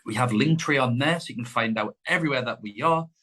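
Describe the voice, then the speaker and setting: A man's voice: mid-range voice, quick pace, a bit bright. A man co-hosting a podcast, chatting casually and rambling as he corrects himself mid-sentence. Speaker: podcast co-host. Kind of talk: casual chat.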